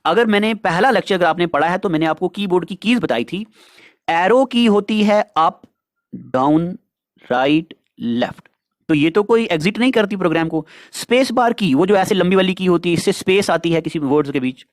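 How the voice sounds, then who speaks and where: A man with a high, light voice gives an exam prep lecture in a chatty way. He asks the class questions and answers them himself. The sound is dry and close, with no room around it. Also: expressive, moderate pace, dry recording. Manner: chatty, addresses students as dear children, asks and answers own questions. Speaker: teacher.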